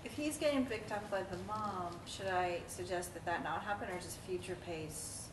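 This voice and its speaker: A woman's voice: lowish voice, normal speed. A woman poses tentative questions during a training session. She is picked up from some distance from the mic, and a faint background noise sits under her voice. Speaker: student asking questions.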